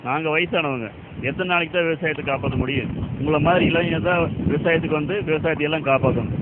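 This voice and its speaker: A man's voice: fairly high pitch, fairly even intonation, quick pace, heavy background noise, lightly acted. A man playing an older village farmer who earnestly lectures young men about taking up farming. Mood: lecturing. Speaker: elder farmer. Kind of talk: short film acting. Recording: phone-like audio with loud music.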